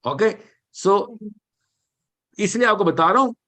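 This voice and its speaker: A man's voice: sits high, animated, takes it slowly, sharp tone. Emphatic man lecturing. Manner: emphatic, switches often into English, repeats reassurances. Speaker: lecturer answering audience questions. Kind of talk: animated question-and-answer talk.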